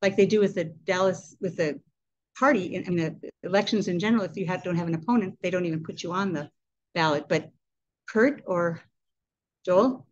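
In an indoor meeting room, a woman in her sixties presides as club president, talking casually into a handheld mic, chatty and laughing as she goes. Her pitch is fairly low and her pace normal. The webcam recording from a distance has a lo-fi sound with a little hiss or hum.

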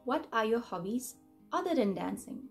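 Chatty young woman with a gravelly edge. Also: on the high side, big pitch swings, moderate pace, soft background music. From Germany. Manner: chatty, upbeat, talks with her hands. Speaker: YouTuber answering fan questions. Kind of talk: casual Q&A vlog. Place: bedroom, indoors.

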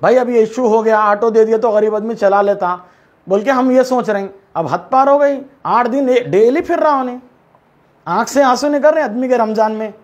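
Man, Hyderabadi accent, spokesman at a press interview. Very high pitch, indignant and rhetorical. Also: moderate pace, dull audio. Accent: Hyderabadi Urdu. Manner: indignant, rhetorical questions, addresses officials directly. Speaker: local spokesman speaking for the driver. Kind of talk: complaint to the press.

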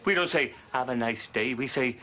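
An actor playing a gruff, sarcastic middle-aged Welsh husband in a sitcom. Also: male voice, mid-range voice, normal speed, pushed and bright, close to an everyday voice. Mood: suspicious. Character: suspicious, grumpy Welsh husband. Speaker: grumpy husband. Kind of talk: sitcom acting. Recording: sitcom with audience laughter.

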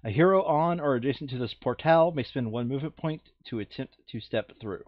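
A man with a mid-range voice talks fairly quickly while playing a board game online. He flips from chatting casually to reading the scenario text out loud, in a dry recording that lacks high frequencies.

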